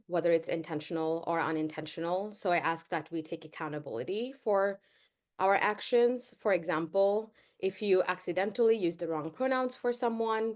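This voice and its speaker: A woman from Bangladesh, leading an online workshop in an earnest, measured way with frequent "um" pauses, heard over a video call. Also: mid-range voice. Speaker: workshop facilitator.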